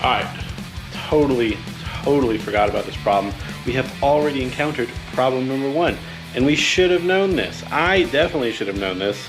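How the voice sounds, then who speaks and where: A man hosts a DIY motorcycle garage video, narrating casual how-to steps as he works in a wry, tongue-in-cheek way. His medium-pitched voice is animated and a bit fast, with music playing in the background.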